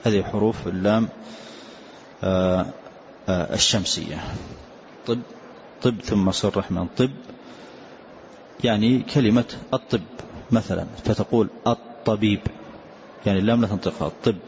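An older man, a sheikh, explains the rules of a recitation poem line by line in a calm, repetitive way, often saying "yes" between points. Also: fairly low pitch, normal speed, pauses often. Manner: calm, repetitive, answers with short "na'am". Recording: dull lo-fi lecture recording with faint hiss.

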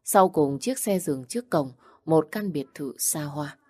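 A woman narrating a romance story as an audiobook, in a steady, even way. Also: low-pitched, a little slow, no echo, clean studio sound.

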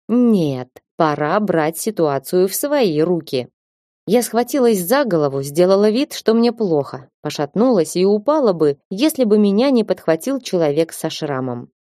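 A woman narrating a fantasy audiobook in the first person, with lively, ironic storytelling. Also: lowish voice, moderate pace, no room sound, studio quality.

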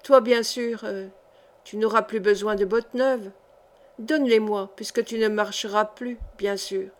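A woman's voice: mid-range voice, fairly even intonation, measured pace, natural voice. A woman reading the part of a young male coachman, talking in a hesitant, coaxing way.

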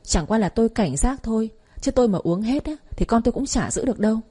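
A woman's voice: fairly high pitch, animated, fast talker, dark tone, slightly rough, pitched above the performer's own voice. A woman voicing a scornful, mocking young servant. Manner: mocking, cold.

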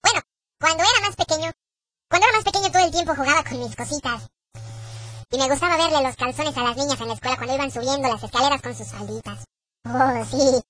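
Alvin, a squeaky lecherous Mexican chipmunk. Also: male voice, quick pace, sharp tone. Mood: sheepish confessing. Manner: confessional, meek, apologetic. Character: lecherous adult male chipmunk, shameless and sheepish. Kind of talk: parody comedy sketch.

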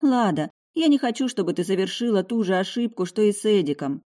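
A woman's voice: medium pitch, lively intonation, fairly quick, dark tone, voice pushed up, close to an everyday voice. A woman reading an audiobook voices a worried middle-aged mother who talks in an anxious, coaxing, protective way. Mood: anxious, warning. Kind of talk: audiobook character voice.

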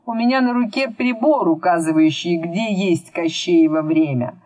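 A woman reading a calm, wry wizard. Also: fairly low pitch, normal speed, no echo, lightly acted. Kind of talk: audiobook reading.

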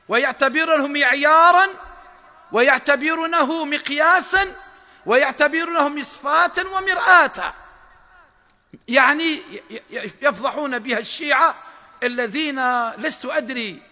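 A man preaching a sermon with passion, building to shouts on key points, with halting restarts and repeated phrases. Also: extremely high pitch. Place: lecture hall. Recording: long hall reverb.

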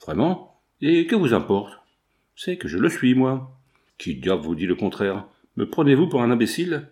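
A man's voice: mid-range voice, very animated, moderate pace, darkish tone, natural voice. A man voicing a sneering brutal bandit. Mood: gruff. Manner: gruff, mocking, gloating. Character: brutal English renegade bandit, male, sneering. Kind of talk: audiobook character voice.

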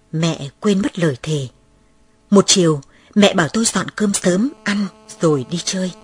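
A woman reads a first-person memoir aloud in a calm, measured storytelling manner. Her voice is husky and very breathy, and sits slightly low. It is recorded close and dry, with no room sound around it. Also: dry recording. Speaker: narrator.

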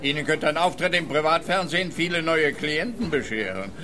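An actor playing a vain, taunting police officer in a radio drama, pompous and scornful. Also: male voice, fairly high pitch, animated, brisk, pushed and bright. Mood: smug.

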